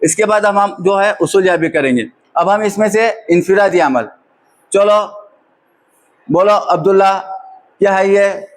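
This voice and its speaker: A high-voiced man drilling a class. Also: a little slow, pauses often. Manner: patient question-and-answer drilling. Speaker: teacher trainer. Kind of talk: classroom teaching demonstration.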